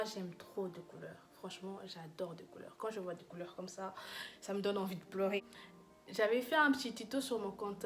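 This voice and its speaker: A young woman rambles happily through a makeup review, stumbling and restarting as she gushes. Her voice sits at an ordinary pitch, and faint music plays softly behind her. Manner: chatty, gushing, many fillers and restarts. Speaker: beauty vlogger. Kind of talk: casual makeup review vlog.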